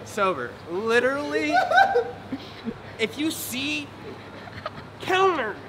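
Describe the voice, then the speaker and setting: A man's voice: very high voice, very animated, extremely slow, very noisy. A young man chatting in a car at an airport, teasing and swearing, often sounding exasperated. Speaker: friend on the vlog. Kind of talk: casual chat. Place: in a vehicle at an airport.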